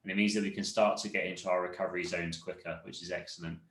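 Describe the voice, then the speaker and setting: A man instructor guiding a seated fitness cool-down, explaining calmly and correcting himself as he goes. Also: low voice, fast, reverberant, low-quality recording. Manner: calm, explanatory, self-correcting. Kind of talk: leading a seated cool-down class.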